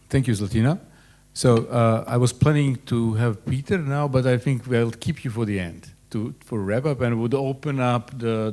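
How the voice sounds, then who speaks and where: A man moderating a panel, briskly opening the floor to questions. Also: mid-range voice, a little mellow. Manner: brisk, inviting.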